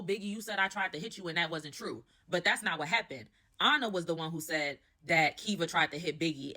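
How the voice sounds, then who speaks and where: A woman's voice: fairly low pitch, pushed and bright. A young woman giving a casual, opinionated and gossipy recap of a reality show, full of slangy asides.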